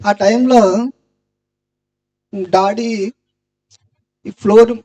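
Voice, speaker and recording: High-voiced man giving an earnest testimony. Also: steady tone, extremely slow, highs cut off. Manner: earnest storytelling, loud cries of Jesus' name. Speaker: testimony speaker.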